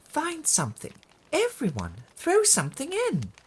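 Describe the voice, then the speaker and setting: A storybook narrator voicing an excitable, grateful female witch with exclaiming, very expressive delivery. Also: high voice, measured pace, full character voice. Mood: cheerful.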